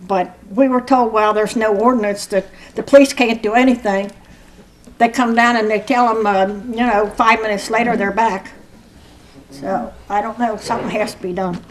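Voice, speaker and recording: An older woman from Norwood, Ohio, speaking as a resident at a council meeting, rambling and aggrieved, with halting restarts. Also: fairly high pitch, fairly even intonation, a little hiss or hum, low-quality recording. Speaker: resident speaking at public comment. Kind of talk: public comment at a council meeting.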